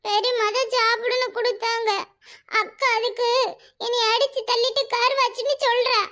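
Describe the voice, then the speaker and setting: A woman's voice: very high-pitched, level tone, normal speed, bright, forceful tone. A woman voicing a small weepy little girl who tattles to her mother in a whiny, tearful way.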